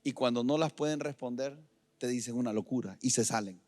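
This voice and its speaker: A middle-aged man preaching a sermon as pastor in a church, moving between loud emphatic lines and quiet asides. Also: mid-range voice, fairly quick.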